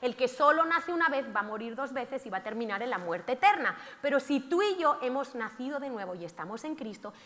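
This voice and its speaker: High bright woman preaching a sermon. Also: very animated, a little fast, hardly any pauses. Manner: theatrical, shouts out acted cries of the lepers. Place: church hall. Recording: long hall reverb.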